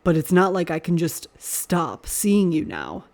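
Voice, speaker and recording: A woman voicing a male priest with a low, rumbling, growling voice, soft and restrained. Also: very animated, measured pace. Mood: low, tender.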